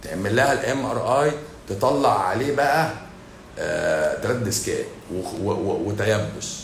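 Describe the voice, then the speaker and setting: A man's voice: fairly low pitch, expressive, moderate pace, reverberant, a little hiss or hum. A man with an Egyptian Arabic accent, a doctor hosting a livestream who answers viewer comments in a blunt, sarcastic, scolding way.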